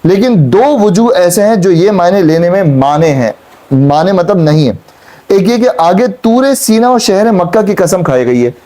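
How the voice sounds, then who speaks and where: Male Quran teacher, high mellow voice, questions and repeats. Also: expressive, moderate pace. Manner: questioning students, repeating points. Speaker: Islamic teacher. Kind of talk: Quran class explanation. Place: classroom with students.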